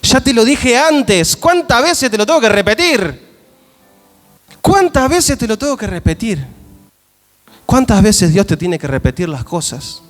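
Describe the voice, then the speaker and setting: A man preacher voicing God the Father as a patient but firm figure, speaking slowly and repeating himself. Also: high-pitched, big pitch swings, soft background music, voice pushed up. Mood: exasperated. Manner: slow, repeating, mildly exasperated. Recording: long church-hall reverb.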